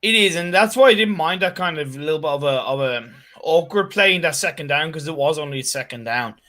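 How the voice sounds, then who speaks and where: A man's voice: fairly high pitch, lively intonation, a little fast, bright, forceful tone. A man giving chatty color commentary on an esports football match, mixing analysis with jokes.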